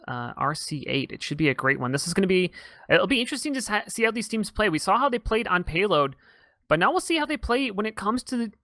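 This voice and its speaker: A male esports caster hosts a live match stream, talking in a chatty, enthusiastic flow and passing the mic to his co-casters. His voice is bright and a touch high, recorded close and dry with no room sound. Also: dry recording. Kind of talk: live game commentary.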